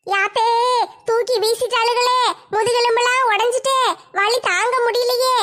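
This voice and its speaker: A woman's voice: very high voice, fairly even intonation, pushed and bright. A woman voicing a village woman beaten in a brawl, crying and begging for mercy. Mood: wailing. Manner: crying, begging, drawn-out wails. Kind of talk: one-woman comic skit.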